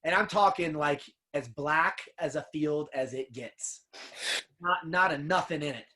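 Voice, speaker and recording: An upland hunter who runs a dog kennel guests on a casual podcast, unhurriedly telling hunting stories in a slightly high voice that sounds pushed and bright. He comes across earnest and emotional, frequently using "man" and "dude."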